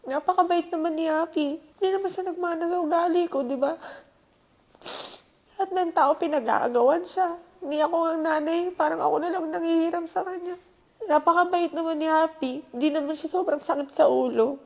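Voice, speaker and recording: A woman's voice: very high voice, fairly even intonation, brisk, darkish tone. A woman caretaker speaking in a heartfelt, indignant way in an interview-style confession. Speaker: caretaker in the vlog family.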